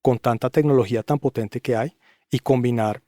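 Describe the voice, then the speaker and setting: A man's voice: medium pitch, steady tone, normal speed, warm tone, no room sound, clean studio sound. A man speaking as a podcast guest, emphatic and opinionated, driving his points home with repeated rhetorical questions. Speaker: guest, audio engineer. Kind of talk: podcast interview.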